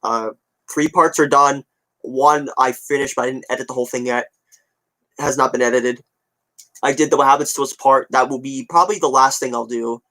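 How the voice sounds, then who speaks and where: The rough recording captures a mid-range, fairly bright voice, steady in tone and a little fast. It belongs to a twenty-year-old video creator chatting loosely with viewers, answering comments and rambling with lots of repetition.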